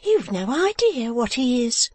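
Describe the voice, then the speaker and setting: A man voicing a fussy, self-important married woman of Victorian London who gushes and frets in a high voice. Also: big pitch swings, measured pace, darkish tone, slightly rough, no room sound, full character voice. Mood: fretful, gushing. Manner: gushing, shrill, fawning.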